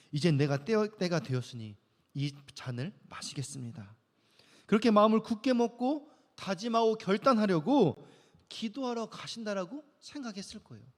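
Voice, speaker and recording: A man preaching a youth sermon as pastor, talking in a conversational way and acting out the lines he quotes. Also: sits high. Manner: conversational, acts out quoted voices. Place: church sanctuary. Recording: long church hall reverb.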